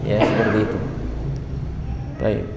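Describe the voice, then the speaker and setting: A man giving a chatty religious study talk in a mosque, often tagging his sentences with a questioning "ya". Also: unhurried. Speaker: religious teacher. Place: mosque hall. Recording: echoey mosque hall, faint noise.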